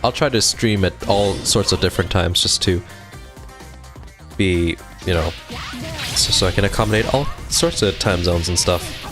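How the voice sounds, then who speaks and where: With game music in the background, a twenty-something man hangs out on a live game stream, reading the chat aloud and laughing here and there. His voice is deep, his speed normal, and he pauses often.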